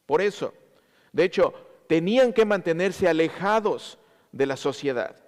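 A man's voice: on the high side, animated, measured pace, darkish tone, long reverb tail. A man preaching a sermon to his congregation, teaching with repeated emphasis and speaking to them directly.

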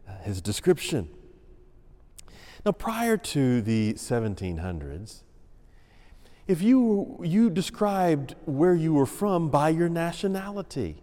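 A male pastor preaches slowly and deliberately, his pitch rising and falling widely for emphasis. His tone is mellow and dark. A long reverb from a church sanctuary trails behind every phrase. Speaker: senior pastor. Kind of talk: sermon. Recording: long reverb of a large room.

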